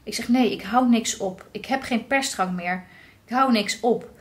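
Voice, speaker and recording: A woman vlogging about a personal experience, telling it lively and acting out what people said. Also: a little high, moderate pace. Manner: lively, recounting with acted-out quotes. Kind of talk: personal storytelling vlog.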